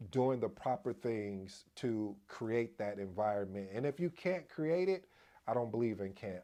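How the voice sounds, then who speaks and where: A man hosting a casual explainer video on project management, addressing viewers as family, energetic and prone to restarts. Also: medium pitch. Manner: restarts and repeats himself as he talks. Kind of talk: casual explainer talk to camera.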